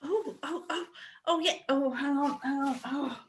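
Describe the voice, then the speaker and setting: A woman's voice: high-pitched, unhurried. A woman voicing a giddy, flustered young sweetheart who squeals, on a video call.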